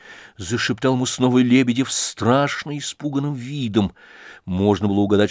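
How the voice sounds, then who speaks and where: A man narrating a classic novel in a measured, expressive storytelling voice. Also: fairly low pitch, dry recording, studio quality. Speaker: audiobook narrator.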